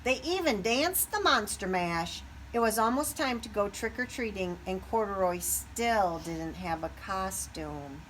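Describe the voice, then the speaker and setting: Reading a picture book to children, this woman is expressive and pauses to pose questions to her young audience. She speaks at a medium pitch with a fairly bright, animated tone, though the audio is poor and carries a slight hiss or hum.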